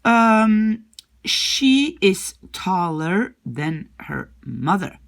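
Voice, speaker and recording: A woman's voice: mid-range voice, sing-song, very slow, vocal fry. A woman language teacher patiently explaining grammar rules and often checking that her students follow.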